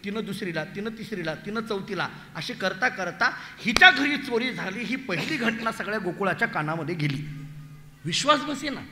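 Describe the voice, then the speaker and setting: High, bright preacher in an echoing hall. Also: male voice, normal speed. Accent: Marathi. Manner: animated, acts out voices of the story figures. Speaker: kirtan preacher. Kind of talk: devotional storytelling sermon. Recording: echoey hall with long reverb.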